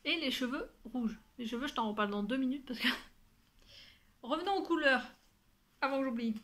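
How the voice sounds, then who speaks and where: A young woman with a fairly high voice chats casually to her viewers from home. She talks in a loose, friendly flow, full of fillers, restarts and asides to the listener. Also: normal speed, a bit bright. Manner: chatty, many fillers and restarts, addresses listener directly. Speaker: knitting podcast host. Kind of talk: casual chat to camera.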